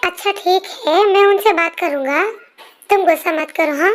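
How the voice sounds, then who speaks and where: A performer voicing a soft-hearted father who gently coaxes his daughter, in an amateur fan dub voice-over. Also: very high voice, normal speed. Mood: coaxing. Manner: gentle, coaxing.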